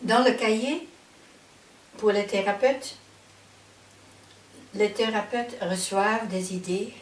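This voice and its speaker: Slow-speaking woman with a Flemish Dutch accent. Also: mid-range voice. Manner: halting, careful non-native phrasing with pauses. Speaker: psychotherapist trainer and presenter. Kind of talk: instructional video introduction. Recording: roomy, distant microphone with faint hiss.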